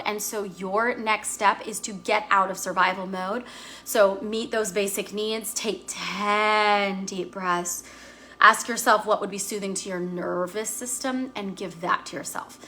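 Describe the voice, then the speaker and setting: A woman coaching actors in a motivational teaching talk, explaining earnestly and guiding slow breaths. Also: on the high side, sharp tone. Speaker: acting career coach.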